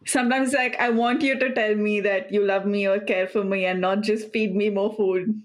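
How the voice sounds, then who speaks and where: A woman's voice: medium pitch, steady tone, moderate pace. A woman from India co-hosting a casual podcast chat, chatty and teasing, laughing often. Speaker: podcast co-host.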